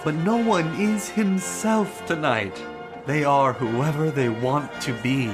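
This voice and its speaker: In an audio drama, an actor plays a flamboyant, arrogant prince, gloating with delight and savoring every grandiose, declamatory word. His voice is fairly high, expressive and slow, set over music.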